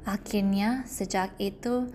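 A woman reading a children's fable aloud as narrator, clear and unhurried. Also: mid-range voice, steady tone, a little mellow, a little hiss or hum. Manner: slow, clear storybook reading. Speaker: storyteller. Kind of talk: children's story read aloud.

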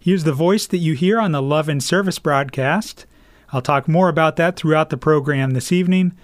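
A man's voice: on the high side, fairly quick, no echo. A man hosting a radio call-in program from a studio, speaking in a formal, announcer-like way. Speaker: radio host.

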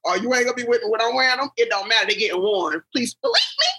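A woman in her thirties chatting casually with friends, animated and slangy, laughing often. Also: fairly high pitch, very fast. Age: 30s. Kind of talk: casual chat among friends.

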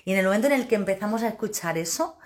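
A woman, hosting a casual live stream as a personal development coach, talking loudly and emphatically and laughing often. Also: mid-range voice, animated, very fast.

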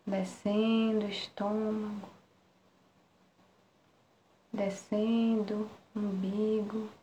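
A Brazilian woman guiding a relaxation meditation in a soft, soothing spa-like manner, with long pauses between short phrases. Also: mid-range voice, little pitch movement. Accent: Brazilian Portuguese. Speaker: meditation guide. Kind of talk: guided relaxation meditation, live. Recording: roomy echo, faint background noise.

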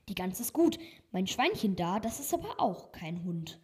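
A naive young man from a fairy tale, simple-hearted and easily pleased, voiced by a woman in a storybook reading. The voice is husky and dark-toned. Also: mid-range voice, very animated, normal speed. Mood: content.

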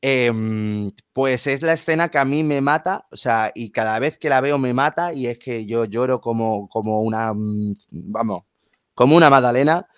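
Casting: man, casual animated chatter, dry close recording. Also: mid-range voice, moderate pace, smooth, dry recording. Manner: animated, emotional storytelling. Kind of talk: casual chat.

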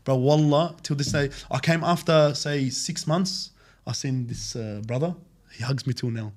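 A man's voice: medium pitch, normal speed. A man telling a personal story in a casual chat, peppering it with Arabic phrases and "bro".

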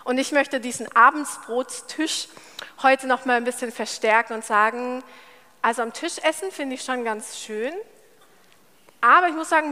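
Young woman preaching casually, high voice, laughs a lot, long echoey hall. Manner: chatty, lively, laughs often. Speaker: church speaker. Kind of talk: casual sermon.

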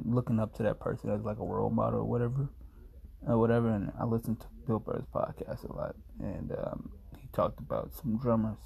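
A sleepy-sounding vlogger in his twenties rambles to camera in a laid-back, meandering, self-mocking monologue. His voice is lowish, gravelly and mellow.

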